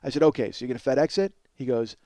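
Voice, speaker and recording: His mid-range voice races along, mellow and free of echo. The speaker is a comedy podcast host in his forties, rambling through a profane story at his own expense and acting out the dialogue for both parties.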